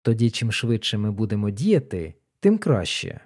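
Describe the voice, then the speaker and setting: A man voicing a calm low-spoken detective. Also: moderate pace. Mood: composed.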